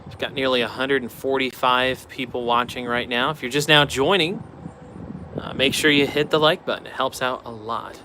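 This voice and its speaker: A man chatting casually on a live stream and answering viewers' questions offhand. His voice is bright and clear. He is outdoors beside railroad tracks, with faint outdoor ambience behind him. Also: mid-range voice, fairly even intonation, moderate pace, a little hiss or hum.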